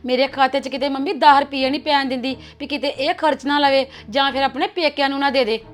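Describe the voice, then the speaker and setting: A young actress playing a cautious, gossiping elder sister-in-law who talks in a confiding manner. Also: female voice, high voice, fairly even intonation, a little fast, close to an everyday voice. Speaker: actor. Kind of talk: web series drama acting.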